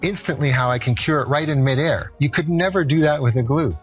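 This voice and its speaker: A man's voice: a little high, fairly quick, faint music behind. A middle-aged man giving an informal, persuasive home shopping demonstration in a conversational, instructional way. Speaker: product demonstrator on a shopping show.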